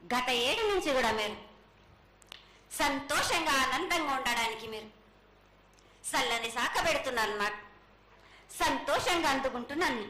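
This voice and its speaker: A woman delivers prophetic trance pronouncements in a high, sharp, forceful voice. She commands like a mother goddess addressing her children, in halting, repeated phrases. The recording is echoey with faint noise behind it. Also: lively intonation. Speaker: oracle speaking as a mother goddess to devotees. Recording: echoey, faint background noise at public ritual.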